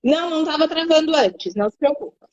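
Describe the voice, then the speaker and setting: Woman patient on a video call, audio cutting in and out, dull lo-fi line, kinda high voice. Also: lively intonation, quick pace. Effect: choppy video-call audio breaking up. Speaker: patient guest. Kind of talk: casual chat.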